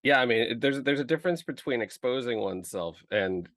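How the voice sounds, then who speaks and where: A man's voice: medium pitch, animated, a little fast, a bit bright, no echo. A man co-hosting a podcast in casual chat, with a slight head cold, trading dry, wry quips. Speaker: podcast co-host.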